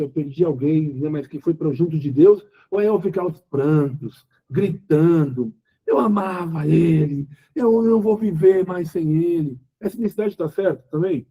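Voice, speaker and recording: A man's voice: sits high, warm tone, breathy edge. A middle-aged man with a Brazilian accent preaching an informal sermon to couples, talking conversationally and acting out quoted dialogue. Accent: Brazilian Portuguese. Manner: conversational, acts out quoted dialogue, rhetorical questions. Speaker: preacher leading a Bible study for couples.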